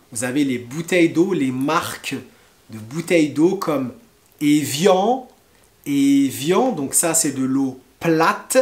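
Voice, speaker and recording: A man teaching pronunciation in a language lesson, saying each word slowly and deliberately and repeating it. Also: a little high, roomy sound. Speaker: French teacher.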